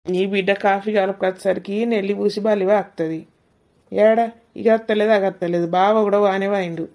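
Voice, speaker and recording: A woman's voice: mid-range voice, fairly even intonation, a little fast, a little mellow, voice pushed down, natural voice. A woman doing a teasing young family woman. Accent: Telangana Telugu.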